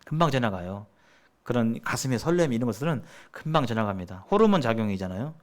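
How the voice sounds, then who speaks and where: A middle-aged South Korean man preaches at a church seminar, teaching in a sermon-like way. His medium-pitched voice swings widely in pitch as he explains haltingly, restating phrases along the way.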